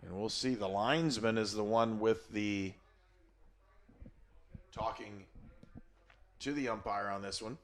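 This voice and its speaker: A man's voice: on the low side, a little slow, pauses often. A man doing play-by-play commentary for a college football game, chatting and explaining the rules at length. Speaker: play-by-play announcer.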